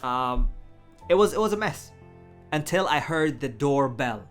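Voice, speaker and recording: Animated man telling a story, laughing. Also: a little high, a little slow. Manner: animated, laughs often, acts out his own reactions. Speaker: vlogger. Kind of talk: casual storytelling to camera. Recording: faint music behind.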